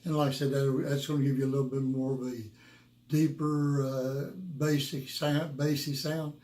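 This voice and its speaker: Folksy man with a worn, mellow voice. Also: medium pitch, level tone. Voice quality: worn voice from years of rock and roll. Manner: folksy, halting, repeats himself. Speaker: guitar teacher and video host. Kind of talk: casual instructional talk to viewers. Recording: roomy, echoing room sound.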